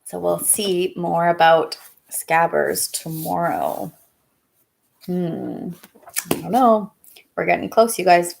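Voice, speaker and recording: A woman teacher reading a story aloud on a live stream, then chatting with her viewers in a halting, casual way. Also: lowish voice, creaky, slight background noise.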